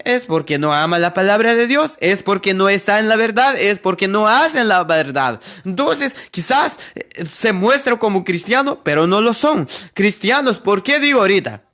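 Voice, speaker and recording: A man's voice: high voice, bright, forceful tone. A man preaching an online sermon, emphatic and repetitive, speaking straight to his viewers.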